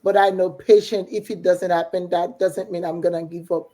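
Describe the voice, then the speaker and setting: A middle-aged Haitian woman with a Haitian accent speaks in a fairly low, mellow voice, keeping a steady tone and a moderate pace. She is a business coach and mentor giving a casual, encouraging motivational chat.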